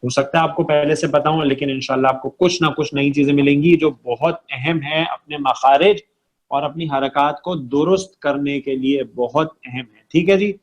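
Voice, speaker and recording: A man with a slightly higher than average voice leads an online recitation lesson. He explains patiently and drills each letter sound by repeating it several times. He keeps stopping to check that his students understand. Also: steady tone, highs cut off. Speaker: Arabic and Quran recitation teacher. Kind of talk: online class lecture.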